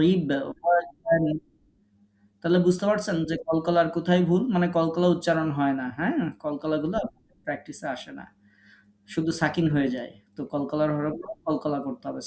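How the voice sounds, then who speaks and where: A man's voice: on the high side, darkish tone, a little hiss or hum. Patient man teaching recitation online. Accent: Bangladeshi Bengali. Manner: patient, corrective, drills sounds slowly and repeats them. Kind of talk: live online class, correcting students one by one. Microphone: online class call.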